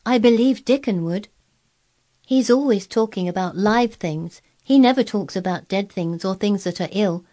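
A woman's voice: medium pitch, moderate pace, dark tone, voice pushed up, natural voice. Woman voicing an obstinate young girl. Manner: obstinate, earnest, eager describing.

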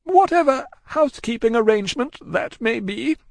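A man's voice: very high-pitched, lively intonation, moderate pace, creaky, no echo, pitched above the performer's own voice, heavily acted. A man voicing a distraught, prim and loyal Englishwoman in a storybook, fussy, formal and emphatic in tearful agitation. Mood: agitated, earnest. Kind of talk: audiobook character acting.

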